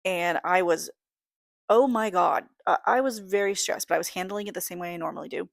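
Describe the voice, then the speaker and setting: A woman's voice: fairly low pitch, steady tone, fast, gravelly, dry recording, clean studio sound. A woman in her thirties hosting a casual solo podcast, talking in a rambling, candid way that often breaks off and restarts. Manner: rambling, self-interrupting, candid. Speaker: podcast host.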